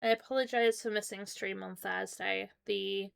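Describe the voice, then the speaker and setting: A woman's voice: medium pitch, steady tone, moderate pace, vocal fry, clean tone. A British woman chatting casually as a live streamer, talking through a painfully swollen mouth from dental trouble, in an informal, apologetic way. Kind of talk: casual livestream chat.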